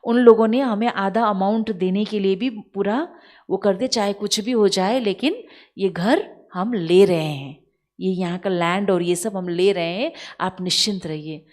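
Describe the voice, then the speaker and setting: A woman voicing a calm, reassuring youngest son. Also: medium pitch, measured pace, lightly acted. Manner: reassuring, confident.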